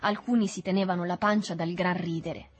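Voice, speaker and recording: A woman reading a novel aloud in a measured, even storytelling manner. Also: fairly low pitch, husky, soft background music. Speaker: audiobook reader. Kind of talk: literary audiobook narration.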